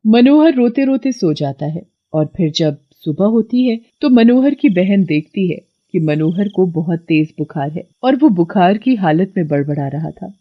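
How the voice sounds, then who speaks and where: A woman narrating a cartoon story in an even, storybook tone. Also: on the low side, a little slow, hardly any pauses, lo-fi sound.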